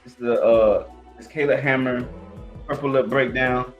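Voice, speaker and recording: A man's voice: medium pitch, steady tone, normal speed, lo-fi sound, soft background music. A man hosting his own reaction channel, talking in loose slang with a stammering, repetitive delivery. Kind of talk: casual reaction commentary.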